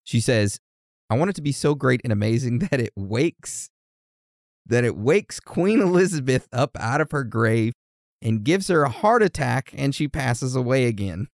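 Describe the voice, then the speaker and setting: A man's voice: medium pitch, animated, moderate pace, creaky, dry recording, studio quality. A man co-hosting a podcast, reading listener birthday messages in a casual, teasing, easily amused way. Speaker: podcast co-host.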